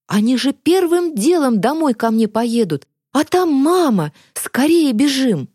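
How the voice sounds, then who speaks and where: A woman reading the part of a hot-headed teenage boy who shouts in raw anguish in a storybook narration. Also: high voice, sing-song, unhurried, slightly rough, no echo, studio quality, pitched above the performer's own voice, exaggerated voice. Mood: alarmed.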